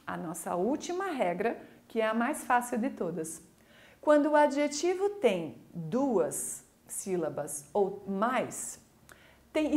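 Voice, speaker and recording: Woman, Brazilian Portuguese accent, English teacher, video lesson, animated pitch, slow coaxing delivery. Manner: lively, coaxing, slow deliberate explanations. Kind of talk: recorded school video lesson.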